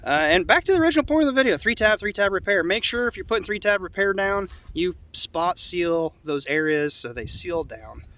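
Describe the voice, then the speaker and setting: High-pitched, animated and pushed bright, this roofer's nasal voice comes from a congested nose as he presents his own video outdoors on a house roof. He talks a little fast with few pauses, explaining hands-on work in a rambling, plainspoken, informal and unscripted way.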